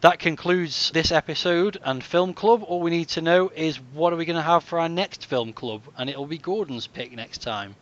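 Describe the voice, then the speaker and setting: A man's voice: fairly high pitch, normal speed, hardly any pauses, muffled recording. A man hosting a casual film club podcast, asking his guests questions and leading the talk. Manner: chatty, leads the talk with questions. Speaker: podcast host.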